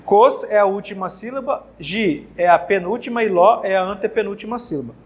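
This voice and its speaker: A man's voice: sits high, fairly quick, slightly rough. A man with a Brazilian Portuguese accent teaching a grammar lesson for exam prep in a casual way, often restarting words and checking in with the class. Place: classroom with whiteboard.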